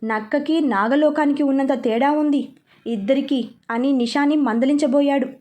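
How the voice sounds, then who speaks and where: A woman reading aloud a serialized novel as storyteller, steady and expressive. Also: high voice, normal speed. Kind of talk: scripted narration of a serialized novel.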